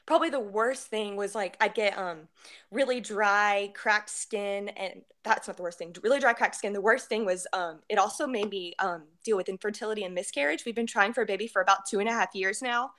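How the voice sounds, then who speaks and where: A woman's voice: mid-range voice, brisk, fairly bright tone. A woman gives a heartfelt personal testimony with many fillers, crying at times. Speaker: guest sharing a testimonial.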